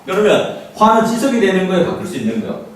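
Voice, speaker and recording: A man's voice: high voice, very animated, fast talker, crowd noise. A man teaching a parenting course to an audience. He acts out lines of parents and children and laughs often. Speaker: parenting instructor. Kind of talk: lecture to parents. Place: lecture room. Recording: echoey hall, far from the mic, faint noise.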